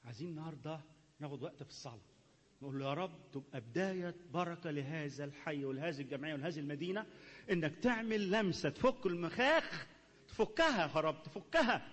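Fervent Egyptian pastor in a reverberant hall. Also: male voice, on the high side, expressive, fast talker, husky. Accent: Egyptian Arabic. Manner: fervent, repetitive prayer calls, swings from hushed pleading to loud. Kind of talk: sermon and led prayer.

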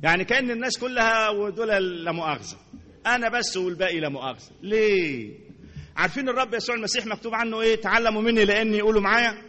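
A man with an Egyptian accent preaching a sermon to a congregation, animated, repeating words for emphasis and asking his listeners questions. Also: high-pitched, rapid-fire, big-room sound. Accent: Egyptian Arabic.

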